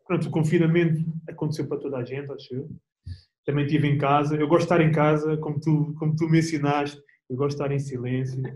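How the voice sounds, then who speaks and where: A young man with a European Portuguese accent, chatting as an interview guest in a relaxed, slangy way with plenty of restarts. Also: a little high, quick pace, roomy sound, low-quality recording. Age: young adult. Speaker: guest athlete. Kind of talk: casual interview chat.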